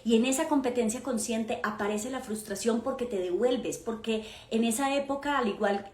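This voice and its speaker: A woman's voice: mid-range voice, darkish tone. A woman gives a live motivational lesson, telling stories fondly with pet names, diminutives and emphatic asides to the listener. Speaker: mother and personal-growth speaker. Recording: roomy echo.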